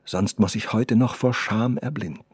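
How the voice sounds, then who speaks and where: A man reading the part of a shy young woman in love, speaking softly, almost in a whisper. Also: lowish voice, normal speed, breathy edge, no echo, studio quality. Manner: soft, hushed, near whispering.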